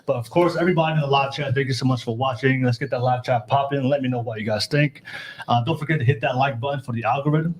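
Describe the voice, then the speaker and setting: A man's voice: mid-range voice, fast talker. A man hosting a live panel podcast, talking upbeat and straight to his live chat viewers. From California. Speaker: podcast host.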